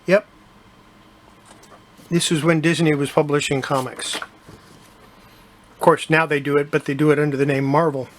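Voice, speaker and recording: Older male host, slightly high voice, easygoing show-and-tell about his collection. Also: measured pace, long pauses, slight background noise. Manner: relaxed, chatty, with fillers.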